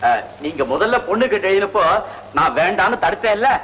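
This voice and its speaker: A man's voice: high voice, lively intonation, a little fast, fairly bright tone, husky, exaggerated voice, low-quality recording. An actor playing an earnest young son who insists on marrying the girl he loves. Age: young adult. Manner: eager, insistent. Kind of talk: classic film dialogue.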